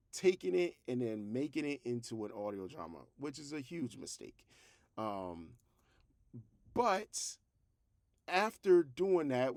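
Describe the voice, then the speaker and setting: A man's voice: mid-range voice, a little mellow, dry recording, clean studio sound. A man talking casually as a vlog host, conversational and rambling, with a self-deprecating way of telling things. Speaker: host, fiction podcast creator. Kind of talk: casual vlog talk to camera.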